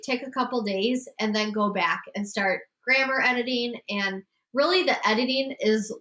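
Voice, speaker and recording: A woman's voice: fairly high pitch, a bit bright. Upbeat congested woman giving writing tips. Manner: upbeat, emphatic, laughs often. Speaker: podcast host and writing coach. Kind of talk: casual advice talk to a group.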